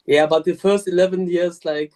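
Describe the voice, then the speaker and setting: A man with a notably high voice talks in a relaxed, chatty way during a spiritual podcast conversation. He is candid and laughs often as he tells his stories. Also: moderate pace. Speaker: podcast participant. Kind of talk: casual spiritual discussion.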